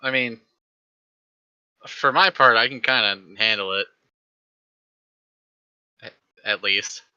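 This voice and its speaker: A very bright, smooth male voice talks haltingly at a tabletop game, often restarting. The recording sounds dull, from a modest home mic. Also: on the low side. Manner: hesitant, halting. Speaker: player.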